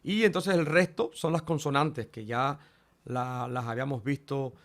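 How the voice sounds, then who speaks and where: A man's voice: medium pitch, a little slow, a bit bright. A man teaching a Greek lesson, modeling each letter's sound aloud and speaking directly to his students. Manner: addresses students directly, repeats key points. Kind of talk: online language lesson.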